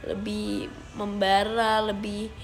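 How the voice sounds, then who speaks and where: A young woman from Indonesia with a gravelly, dark-sounding voice, chatting playfully with viewers on a phone livestream. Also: mid-range voice, completely flat delivery, slow pace, faint music behind. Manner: chatty, playful, drags out words. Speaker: idol livestreamer. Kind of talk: casual livestream chat. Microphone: phone livestream mic.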